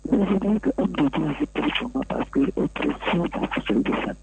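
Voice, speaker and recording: A woman calling into a radio prayer show, holding the phone away from her mouth so she sounds faint and muffled, asking for prayer in short halting phrases. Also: deep voice, animated, creaky, a little mellow. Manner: brief, halting requests for prayer. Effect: phone held away from the mouth, voice faint and muffled. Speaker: caller. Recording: muffled distant phone line with faint hum.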